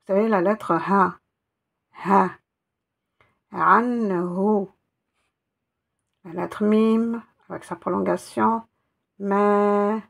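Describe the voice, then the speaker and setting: A woman with a mid-range voice and vocal fry gives a step-by-step reading lesson on Arabic letters. She takes them one by one, patiently spelling out each sound and repeating it.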